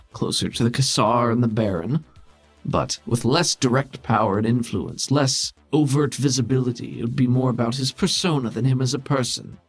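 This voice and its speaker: In a tabletop game, a man voices a cool, scheming political mastermind who talks down to others, formal and measured in his authority. His mid-range voice is slightly rough, with vocal fry.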